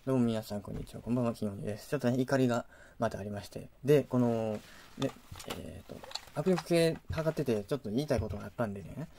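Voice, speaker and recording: A man's voice: mid-range voice, fast, vocal fry, dark tone, a little hiss or hum. A man with a Kansai accent hosting a casual vlog, ranting in exasperation with sudden indignant outbursts. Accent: Kansai Japanese. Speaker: video host.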